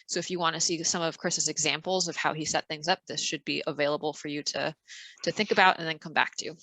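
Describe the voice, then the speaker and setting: A woman's voice: low-pitched, fairly even intonation, fast, bright, forceful tone, dry recording, low-quality recording. A woman moderating a conference session over a video call, asking polite, hesitant questions.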